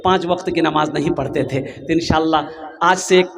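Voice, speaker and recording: A man preaching an Islamic sermon at a mosque gathering, impassioned and rising to shouts, calling on the crowd to answer him. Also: a little high, moderate pace, creaky.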